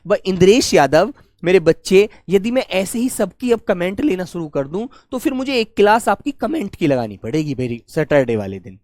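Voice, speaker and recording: A man teaching a grammar class for exam students, warmly coaxing and asking questions that he then answers himself. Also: high-pitched, big pitch swings, no echo. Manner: warm coaxing, calls students "beta", asks and answers his own questions; stretches key words slowly while dictating notes.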